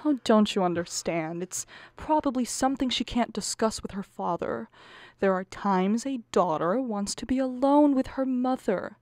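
In a radio comedy play, a woman with a highish, expressive, slightly mellow voice plays an anxious, bickering middle-aged wife and exasperated mother. At normal speed she pleads and argues melodramatically, sounding wounded, in a stage-style comedy performance for radio. The studio-quality recording has no echo, and her voice is close to an everyday one.

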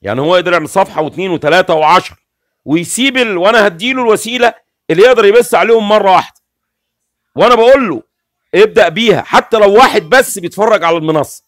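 A man in his forties with an Egyptian Arabic accent hosts a casual livestream from a small indoor room with curtains, his high voice racing as he explains things insistently. He's animated and gestures with his hands constantly, and the studio-clean audio has no room sound.

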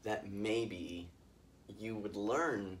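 A man's voice: on the low side, drawn-out words, far from the mic, a little hiss or hum. A man hosting a casual coffee-making vlog in a yurt, explaining in an easygoing, wordy way. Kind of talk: casual chatty demonstration. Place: yurt in the mountains.

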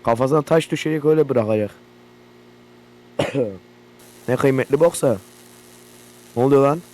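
Loud, profane and easily startled, a young Turkish YouTuber narrates his horror gameplay at a normal speed and medium pitch. A generator hum from the game sits in the background.

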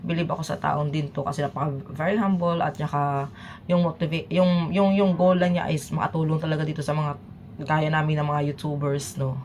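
A woman from the Philippines talks through a reaction video in a low, easygoing voice. She chats and laughs as she goes, switching between Tagalog and English. A faint background noise sits under her talk. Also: fairly even intonation, a little fast, a little mellow. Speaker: YouTube reaction vlogger. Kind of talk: casual reaction chat.

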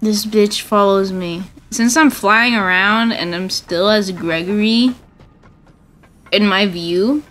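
A young woman giving casual, excitable gaming commentary, swearing often and breaking into frequent laughter. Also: mid-range voice, slow, faint music behind. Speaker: gamer.

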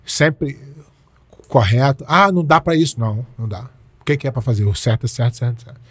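A man's voice: medium pitch, darkish tone, breathy edge. A Brazilian man in his forties, a jiu-jitsu coach telling stories in a casual interview, emphatic and repeating his points with slangy speech. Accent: Brazilian Portuguese.

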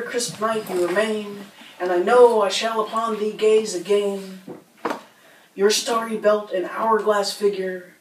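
A middle-aged poet from the United States gives a spoken word reading in a bookstore, delivering her poems with rhythm and rhyme and small laughs in between. Her pitch is medium. She stands at a mic but is filmed from afar, so the sound is roomy with a faint hum.

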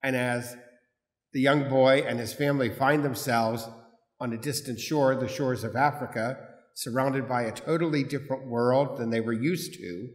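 A man, a priest, reading the gospel and preaching in a measured, formal way, his voice carrying a cathedral echo in a large church. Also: mid-range voice, fairly even intonation. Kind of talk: proclaiming the gospel and preaching a homily. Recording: long echoey hall reverb from a big church.

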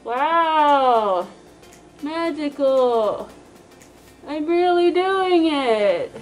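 A woman's voice: high-pitched, animated, drawn-out words, faint music behind. A young woman chatting in a sarcastic, self-mocking way in a home kitchen, her voice muffled inside a costume head. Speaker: vlogger. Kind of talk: casual vlog chat.

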